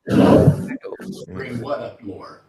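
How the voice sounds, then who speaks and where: Um homem que anfitria uma chamada de vídeo em conversa descontraída, hesitante e cheio de pausas, com um som de microfone fino e metálico, sem graves. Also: male voice, medium pitch. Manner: rambling, with many fillers. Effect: tinny, thin mic sound. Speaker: host of an online video-call gathering. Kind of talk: casual chat. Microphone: video-call computer mic. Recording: echoey, distant, noisy video-call audio.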